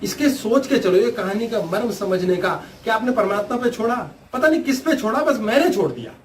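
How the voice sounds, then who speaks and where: Casting note: earnest male spiritual teacher, animated and explanatory, recorded slightly off-mic. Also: sits high, brisk. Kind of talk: spiritual talk with storytelling. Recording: slightly distant mic, faint background noise.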